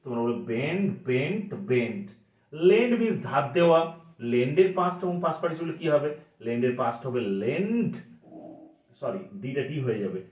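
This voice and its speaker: Male English teacher, Bengali accent, animated pitch, roomy distant dull recording. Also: moderate pace. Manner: drills word forms aloud in rhythmic repetition. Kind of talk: explaining grammar to students.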